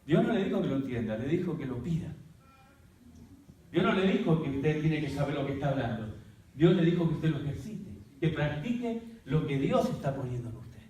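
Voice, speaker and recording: A man, a pastor, teaching a church workshop like a sermon, telling his story dramatically with sudden loud, high bursts. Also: lively intonation, fairly quick, slight background noise. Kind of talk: preaching-style teaching. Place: church hall. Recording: very echoey hall, voice from far off the mic.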